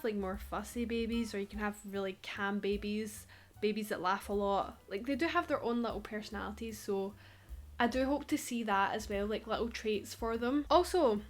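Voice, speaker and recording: A woman with a Scottish accent rambling in a chatty way over her gameplay, laughing often. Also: a little high. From Scotland. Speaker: Sims YouTuber. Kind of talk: casual gameplay commentary.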